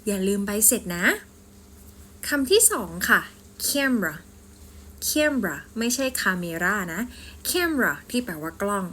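A woman with a Thai accent, teaching English pronunciation in a polite, deliberate way and saying sample sentences slowly. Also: mid-range voice, expressive. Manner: slow deliberate example sentences, polite particles. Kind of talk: scripted language lesson.

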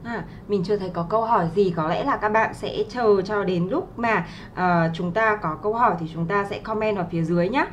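A young woman teaches English to exam students on a livestream, polite and patient, using many filler sounds and friendly tag questions and reading English words with a Vietnamese accent. Her mid-range voice moves a little fast with few pauses, over slight background noise.

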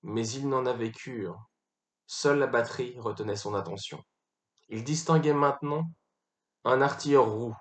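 A man giving a dramatic reading of a classic novel, building intensity through battle scenes. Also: mid-range voice. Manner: narrates with rising intensity in battle scenes, occasional slips and restarts. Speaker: reader. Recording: roomy echo.

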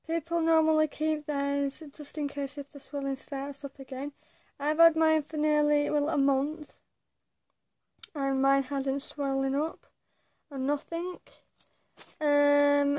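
Young girl vlogger w tongue piercing, woman with high voice, kinda flat n hesitant, casual chat, dry room sound. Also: dry recording. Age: young adult. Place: small attic bedroom, indoors. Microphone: phone or webcam at arm's length.

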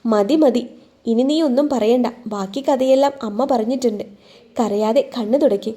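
A woman's voice: a little high, normal speed, mellow, close to an everyday voice. Woman doing a brusque yet tender young man. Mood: gentle. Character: young man, gruff then tender and teasing.

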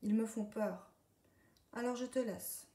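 A tiny, shy female ant from a children's storybook, voiced by a woman reader. She sounds high, small and chirpy, with a soft, warm tone. The reading echoes in a room away from the mic. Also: steady tone, a little slow, recorded from a distance, close to an everyday voice. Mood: timid.

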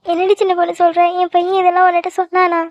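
A woman voicing a tender, emotional middle-aged mother in a cartoon, talking quickly and fondly. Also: high voice, steady tone, darkish tone, no room sound, close to an everyday voice. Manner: affectionate, quick, tearful at times. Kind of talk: cartoon voice acting. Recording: dry, dull lo-fi recording.

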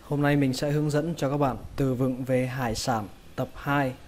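A man teaching English pronunciation in a casual lesson, repeating each word slowly and carefully. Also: medium pitch, fairly even intonation, darkish tone, slight background noise. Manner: slow, drawn-out repetition of words.

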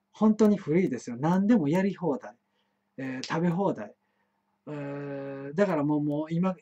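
Kansai man hosting a live stream; rambling storyteller, trips over his words, swooping pitch. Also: warm tone. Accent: Kansai Japanese. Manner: chatty, frequent stammered restarts and fillers. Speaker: host of an internet talk show. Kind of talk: rambling solo monologue, storytelling. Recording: muffled live-stream audio.

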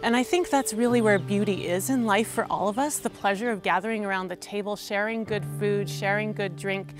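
A woman's voice: mid-range voice, fairly quick, soft background music. Earnest woman, documentary interview.

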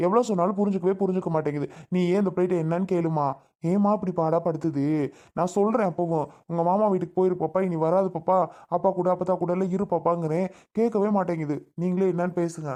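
A man playing a fast-talking stern father. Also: high voice, steady tone, mellow, natural voice. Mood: complaining. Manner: lectures and threatens in fast, irritated talk. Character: stern, impatient young father.

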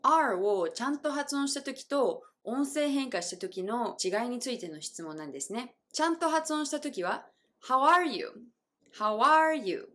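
A young adult woman whose first language is English, teaching pronunciation in a friendly video lesson, bright and upbeat, modeling phrases slowly and clearly. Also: fairly high pitch, lively intonation.

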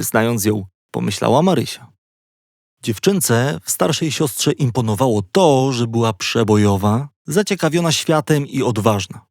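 This man has a medium-pitched, somewhat dark voice, recorded in studio quality with no echo. He narrates a scripted children's audiobook in a conversational style, adding playful, wry asides.

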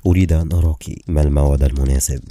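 A man voicing a young woman replying briskly and offhandedly in a chat. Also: rumbling low, steady tone, mellow.

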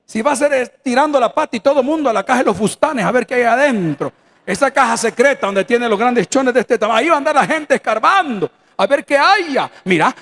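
A man's voice: very high-pitched, fairly bright tone. A man with a Salvadoran accent preaching a sermon in a church, folksy and joking, acting out the voices of the people he quotes. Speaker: pastor. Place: church sanctuary.

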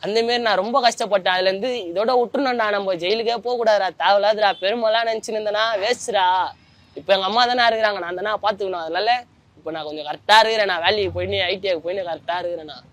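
A man's voice: sits high, fairly even intonation, fast talker, fairly bright tone. A young man, giving a colloquial personal account as a former prisoner, often trailing off as he searches for words. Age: young adult.

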